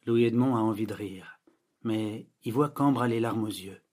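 Husky-voiced man reading a novel aloud. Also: lowish voice, moderate pace, darkish tone. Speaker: narrator. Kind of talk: audiobook narration.

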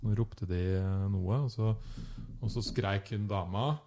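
A man with a fairly low voice tells a travel story in relaxed conversation. He gets animated as he goes and jumps up in pitch when he acts out the people in it. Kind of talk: casual storytelling chat.

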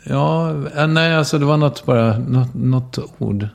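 A man hosting a relaxed interview, asking brief questions and adding short backchannels. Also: mid-range voice, creaky. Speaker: host. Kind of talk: casual interview.

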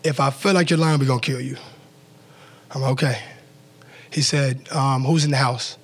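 A man's voice: medium pitch, steady tone, normal speed. A man, a former pro football player, telling a story as an interview guest in loose, casual talk full of "like" fillers and acted-out quotes.

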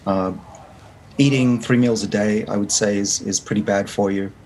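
On a remote interview, a man in his fifties with an Australian accent explains his research earnestly, restarting often. He speaks at a moderate pace in a lowish, slightly mellow voice with fairly even intonation, over faint background noise.

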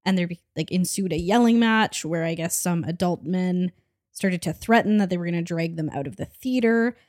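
A woman's voice: on the low side, moderate pace, a little mellow, no echo, studio quality. A woman co-hosting a podcast in casual chat who is getting over an illness, telling a story in a matter-of-fact way. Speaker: podcast co-host.

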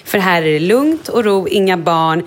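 A woman co-hosting a podcast from a hotel makeup room, telling stories excitedly and acting out quoted dialogue in a casual chat. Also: lowish voice, a little hiss or hum. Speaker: podcast co-host.

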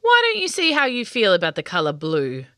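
A woman's voice: medium pitch, wildly swooping pitch, brisk, a bit bright, no room sound, studio quality. A woman voicing a wise, strong male unicorn who leads his group, speaking steadily and encouragingly.

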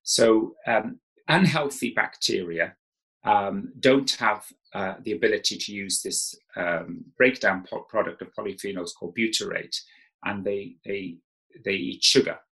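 Male professor, gravelly voice, informal explainer with restarts. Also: on the low side, a little slow, a bit bright, rough recording. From Wales. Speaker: professor, expert guest. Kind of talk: conversational interview.

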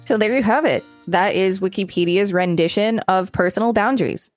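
Reading encyclopedia material aloud, this podcast co-host mixes scripted narration with brief, casual remarks. Her voice is medium in pitch and a little fast, with soft music playing behind her.

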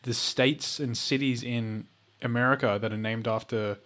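Male podcast co-host, Australian, medium pitch with vocal fry, joking and ready to bicker. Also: steady tone, normal speed, fairly bright tone. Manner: jokey, sweary, argumentative. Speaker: true crime podcast co-host. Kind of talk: casual banter.

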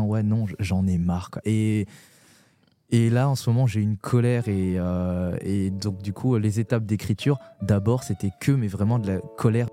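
A young man from France talks as a guest on a poetry podcast, searching for his words with frequent pauses and restarts. His voice sits fairly low and sounds warm and dark. He speaks openly, in a loose conversational flow. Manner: hesitant, full of pauses and restarts, frank and heartfelt. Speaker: poet guest.

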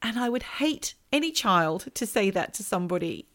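A woman hosting a podcast in casual chat, telling stories in an animated, chatty way. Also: mid-range voice, moderate pace. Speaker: podcast host.

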